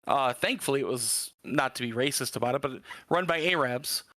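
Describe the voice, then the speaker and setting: Guy from michigan rambling thru a story, lots of ums, swears casually, bright voice, dry close sound. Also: mid-range voice, normal speed, no room sound. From Michigan, USA. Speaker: podcast guest.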